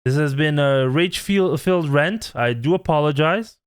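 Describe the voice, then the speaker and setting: A man's voice: fairly high pitch, moderate pace, clean tone. A man in his twenties, a channel host, giving an earnest, pleading vlog rant. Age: 20s.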